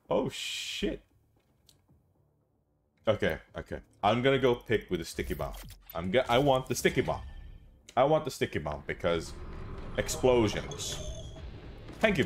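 A man hosting a let's play, commenting on his gameplay in an excitable, profane way with laughs and yelps. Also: low voice. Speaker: gaming channel host.

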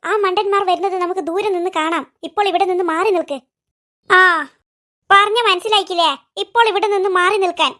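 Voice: extremely high pitch, fairly even intonation, a little fast, bright, forceful tone. A voice actor voicing a cheeky, know-it-all young man in a comic cartoon, talking in a bossy, teasing and scolding way. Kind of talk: cartoon voice acting.

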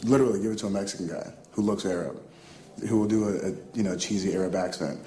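A man, a comedian and actor, telling a wry anecdote in a relaxed way. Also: deep voice, fast, echoey room, a little hiss or hum. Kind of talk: interview storytelling.

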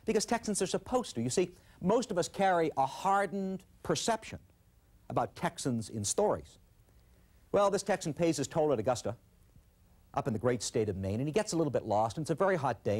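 A man teaching a management course, lecturing and telling stories in an animated way. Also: mid-range voice. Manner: animated storyteller. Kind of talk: scripted lecture with storytelling.

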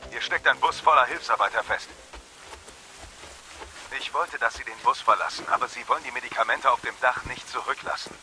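A man's voice: mid-range voice, a little fast, sharp tone, slight background noise. An actor playing an urgent, cautioning policeman in a video game. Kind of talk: German video game voice acting.

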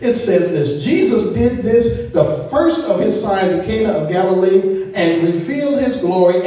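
Middle-aged male pastor, high voice, sing-song preaching cadence, roomy church sound from a distance. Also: mellow. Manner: preaching with rising, half-sung emphasis and repetitions. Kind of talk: sermon. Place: church sanctuary. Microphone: handheld mic. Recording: echoey church room from far off.

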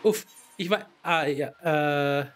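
A man's voice: a little high, slow pace, soft background music. A man streaming a game, chatting casually, muttering to himself and greeting viewers. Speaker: let's play streamer. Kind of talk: casual gameplay commentary.

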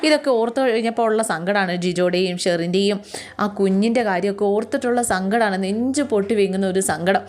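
A woman's voice: mid-range voice, brisk, darkish tone. A woman narrating a dramatic story in a conversational way, with friendly asides to her listeners.

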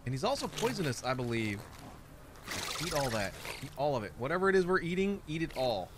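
A young man hosting a gaming video, talking casually and excitably as he plays and reacts. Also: medium pitch, a little fast, noisy background. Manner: excitable, jokey, exclaims often. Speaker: gaming channel host. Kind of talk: let's play commentary.

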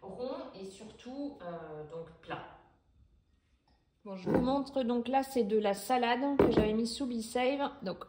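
A middle-aged woman giving a casual, chatty product demonstration in her home kitchen, pausing often with fillers. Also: fairly high pitch, heavy background noise. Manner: chatty, hesitant with frequent fillers. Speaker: cooking vlogger demonstrating a product.

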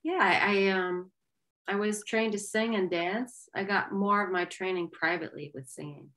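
Speaking at a moderate pace and medium pitch, this middle-aged Maryland woman, who sings and teaches yoga, is an animated storyteller with lively bursts of energy. She's doing a casual video-call interview from a room at home.

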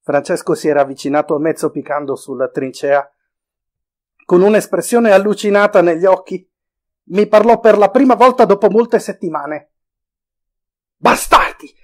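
An Italian man reading a novel aloud at a live event, urgent at times and hushed at others. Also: sits high, moderate pace. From Italy. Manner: intense, moving from raised urgency to hushed quiet. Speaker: reader. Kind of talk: dramatic literary reading.

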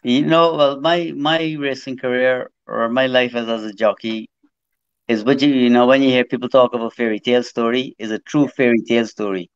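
A middle-aged former jockey from Trinidad, raised in Guyana, tells his life story at length as a guest on a video call, rambling casually and often repeating words. His medium-pitched voice is clean and steady at a normal speed, recorded dry, with slightly dull call audio.

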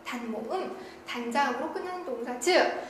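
High-voiced woman teaching grammar in an echoey room. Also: moderate pace. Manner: repeats "자" often, asks and answers her own questions. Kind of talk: online grammar lecture. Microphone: studio lecture recording. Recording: very echoey room with faint noise.

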